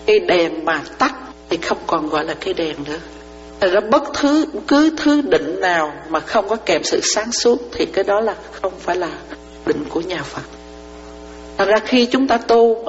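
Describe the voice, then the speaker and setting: A woman, a Buddhist nun, giving a dharma talk to lay followers. She explains through parables and often asks whether her listeners understand. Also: medium pitch. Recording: reverberant hall, dull lo-fi sound, faint mains hum.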